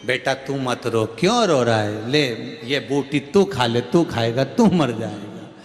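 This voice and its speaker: A man voicing a calm, teasing old guru who makes mock-earnest offers in a low, slow voice. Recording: roomy hall reverb, faint music.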